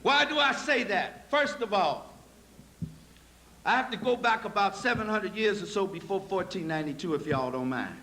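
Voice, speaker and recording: A man lectures a live audience in a high, bright voice, folksy and preacherly. He drops low for asides and climbs to forceful, emphatic points. The recording carries an echoey hall with faint noise. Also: moderate pace. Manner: folksy, addresses audience as y'all.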